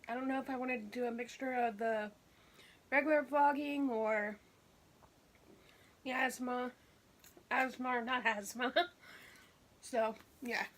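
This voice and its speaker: A woman's voice: a little high, moderate pace. A woman vlogger chatting casually to viewers while eating during a mukbang, talking between bites.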